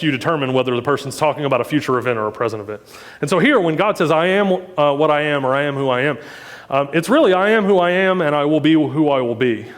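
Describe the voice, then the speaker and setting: A man's voice: a little high, a bit bright, big-room sound. A man preaching a sermon in a conversational way, with joking asides and frequent questions to the congregation. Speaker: pastor.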